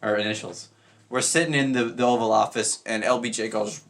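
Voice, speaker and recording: A man's voice: medium pitch, fairly even intonation, fairly quick, a bit bright. A young man hosting a college radio podcast, retelling history in a casual, joking way and acting out the people he quotes, recorded in a college radio studio. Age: young adult. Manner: joking, acts out quoted figures.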